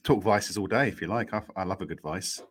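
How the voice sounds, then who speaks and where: A man with a slightly low voice co-hosts a casual podcast. He talks in a laid-back way and cracks crude jokes, speaking into a desk microphone at home. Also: brisk, husky. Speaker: podcast co-host. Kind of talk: casual chat. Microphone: desk USB microphone.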